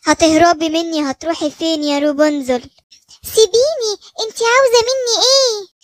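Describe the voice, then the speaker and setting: A woman's voice: extremely high pitch, a little fast, no room sound. A woman with an Egyptian Arabic accent voicing a greedy, cackling female witch in a children's cartoon story. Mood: menacing. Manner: cackling, menacing.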